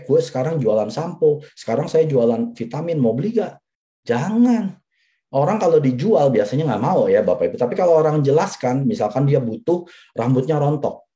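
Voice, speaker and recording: This is a man in his forties, a business presenter, addressing a seminar audience head-on in a persuasive talk where he keeps repeating his key points. He has a mid-range voice with a dark tone.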